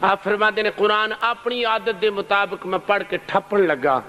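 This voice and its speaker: A middle-aged man preaching an emotional sermon, his delivery impassioned and swinging between rises and long, drawn-out cries. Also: high voice, pushed and bright, slight background noise, rough recording. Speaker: religious preacher.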